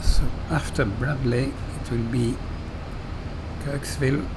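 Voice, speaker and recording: A man giving step-by-step flight commentary as a simulator pilot, pausing often in mid-sentence. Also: mid-range voice, very noisy. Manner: halting, pauses mid-sentence. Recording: steady aircraft drone behind voice.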